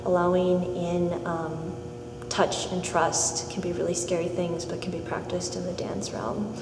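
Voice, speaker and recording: A woman's voice: lowish voice, level tone, unhurried. A young adult woman, an MFA dance student, giving thoughtful, earnest interview answers. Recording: echoey hall, noisy.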